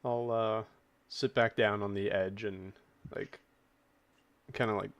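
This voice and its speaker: A man's voice: on the low side, fairly even intonation, slow. A man playing a tabletop game who talks in a hesitant, casual way. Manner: hesitant, filler-heavy. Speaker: player.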